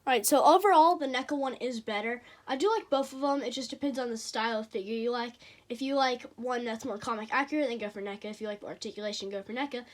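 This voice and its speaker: Reviewing some toy figures, a teen speaks in a childlike, high-pitched voice. The delivery is relaxed but halting, with lots of pauses and filler words.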